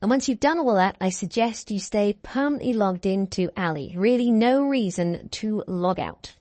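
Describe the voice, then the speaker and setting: Woman teaching an online course, mid-pitched voice, cheerful and encouraging, talks you thru each step. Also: expressive, normal speed, darkish tone, no room sound. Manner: upbeat, reassuring, walks through steps. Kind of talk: screen-share tutorial narration.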